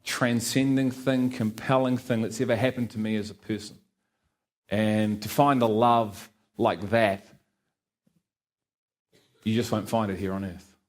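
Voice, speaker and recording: A man's voice: lowish voice, steady tone, a little slow, long pauses. Earnest middle-aged Liverpudlian man. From Liverpool, England. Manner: earnest, heartfelt, with light asides to the congregation. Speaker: guest speaker giving testimony. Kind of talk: church testimony.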